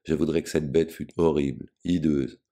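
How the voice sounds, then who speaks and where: Man reading rebellious young girl, scornful, vehement, dark mellow voice, audiobook. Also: extremely low pitch, fairly even intonation, moderate pace, gravelly. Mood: bitter.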